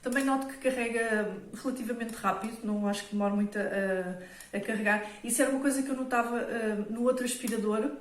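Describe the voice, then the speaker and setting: A woman's voice: on the high side, steady tone, fairly quick. A woman with a European Portuguese accent who talks casually to her viewers and often checks in with them while showing household products. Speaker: home organisation vlogger. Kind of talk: casual product talk to camera. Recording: roomy echo, mic at a distance, faint noise.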